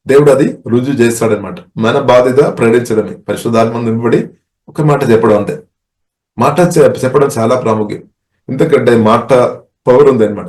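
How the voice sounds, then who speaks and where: A man from India preaching a sermon as a pastor, with a halting delivery full of restarts and filler phrases. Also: medium pitch, a little mellow, echoey room.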